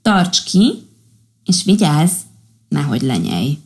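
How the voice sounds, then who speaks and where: A woman voicing a kind, tired little female sea doctor who gently scolds her patients in a storybook. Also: low voice, sing-song. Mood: gentle, caring.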